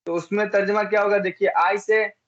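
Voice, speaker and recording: A man's voice: high voice, flat delivery, fairly quick, a bit bright, muffled recording. A man from India teaching an English grammar lesson, repeating each example and asking and answering his own questions.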